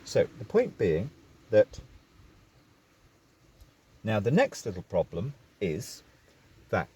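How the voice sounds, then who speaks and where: A man's voice: fairly low pitch, huge pitch swings, slow pace, dark tone, slightly rough. A man talking into his phone camera from a parked vehicle, rambling and going off on digressions in a casual vlog. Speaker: vlogger.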